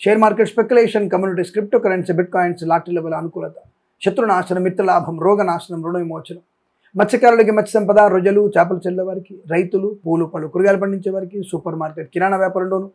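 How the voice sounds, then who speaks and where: A male astrologer hosting a daily horoscope reading. He talks quickly in a high voice and reels off long lists of predictions. His appeals to the audience are emphatic. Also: steady tone, a little mellow. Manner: rapid listing, emphatic appeals. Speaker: astrologer and channel host.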